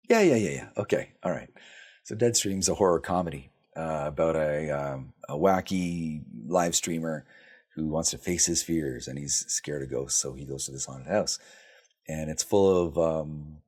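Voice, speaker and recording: Man, very low voice, casual film reviewer, blunt, sarcastic, lots of fillers. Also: a little mellow, husky. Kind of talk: casual spoken movie reviews.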